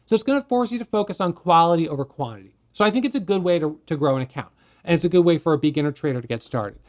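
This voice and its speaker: A man's voice: high voice, darkish tone. A man who teaches day trading, explaining a rule in a plain, conversational way and asking rhetorical questions as he goes. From United States. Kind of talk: explanatory talk to camera.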